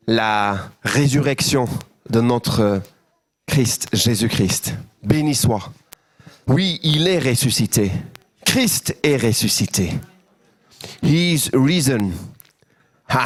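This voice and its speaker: A man's voice: mid-range voice, dry recording. A man preaching a sermon as pastor, joyful and engaging his congregation with questions. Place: church.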